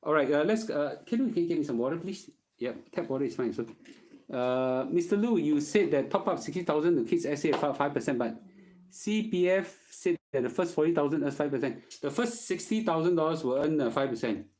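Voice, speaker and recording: His voice sits high, a little mellow, with lively intonation and a brisk pace. He's a middle-aged Singaporean host offering personal finance advice, chatting in colloquial Singlish and often tossing in "okay?".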